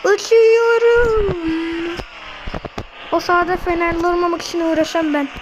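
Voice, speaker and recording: A woman with a cold, giving casual, excitable commentary on her gameplay and blurting out slangy exclamations at the game. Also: sits high, moderate pace, lo-fi sound, very noisy. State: sick, coughing. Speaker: gaming video maker.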